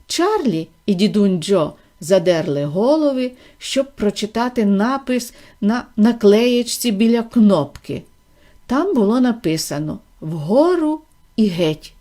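Female storybook narrator, steady and even, warm soft tone. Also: mid-range voice, slow. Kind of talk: audiobook reading of a children's novel.

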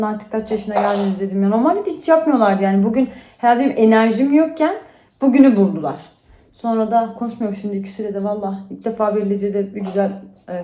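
Mom vlogging at home, chatty and kinda worn out, echoey room with a little noise. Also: female voice, medium pitch, dark tone. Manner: chatty, tired and venting. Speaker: vlogger and mother. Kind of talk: casual vlog chat to camera. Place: at home indoors.

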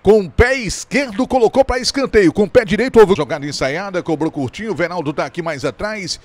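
A man giving excited live football commentary, stretching key words into drawn-out cries. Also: high-pitched, dry recording.

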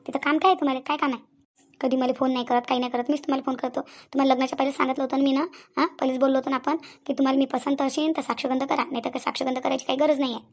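Woman doing an angry young fiancée, cartoon, Vidarbha Marathi accent, high voice, rapid accusing repeats. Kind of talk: cartoon voice acting.

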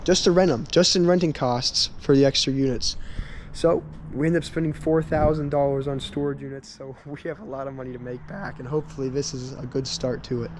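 A young man who is losing his voice, talking excitedly as he goes through a storage unit he bought to resell. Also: mid-range voice, slight background noise. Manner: excitable, quick exclamations. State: losing his voice, squeaky in spots. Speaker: online reseller, channel host. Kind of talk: casual vlog narration.

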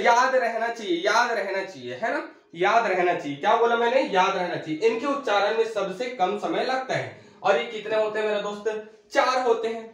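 A male teacher giving an exam-prep grammar lesson, repeating key points and drilling listeners, often calling them "my friend". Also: sits high. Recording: very echoey room.

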